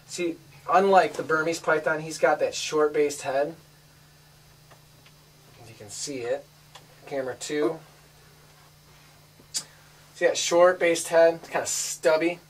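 A woman hosts a casual family home video showing off the family's snake collection, chatting upbeat and coaxing the kids along on camera. Her voice is low, slow, with long pauses, and the home camera audio is distant with light hiss.

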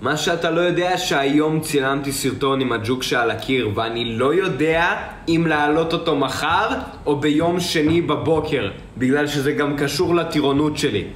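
A young man chats casually on a live stream, answering viewers' comments in a rambling way and repeating himself. His voice sits a little high. It is recorded on a phone in an echoey room with faint background noise. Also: hardly any pauses. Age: young adult.

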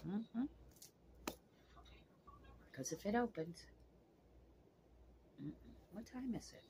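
Seated on her couch in a small home room, a sixty-something woman delivers a casual vlog monologue directly to camera, frank and full of profanity. She speaks at a medium pitch, animated and warm, drawing out her words, with slight background noise.

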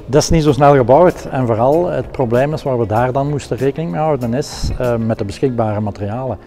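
A man's voice: medium pitch, fairly quick, warm tone, faint music behind. A middle-aged man with a Flemish accent, a technical production director explaining his work in a practical, hesitant way with many fillers.

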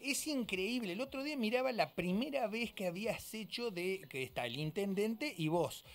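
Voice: medium pitch, expressive, normal speed. Enthusiastic radio host. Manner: enthusiastic, laughs along, asks open questions. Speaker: radio interviewer. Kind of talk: casual interview chat.

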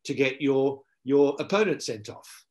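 A man's voice: medium pitch, measured pace. An older man, a guest philosopher, speaking in a casual interview over a video call from a home study, repeating words as he thinks. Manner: animated storyteller, repeats words while thinking. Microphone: video call laptop mic.

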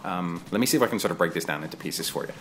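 A man's voice: sits low, animated, racing, fairly bright tone, a little hiss or hum. A man in his thirties who grew up in England, giving casual, digressive voice-over commentary on his own gameplay. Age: 30s. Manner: conversational and digressive, chatty asides. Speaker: gaming video creator.

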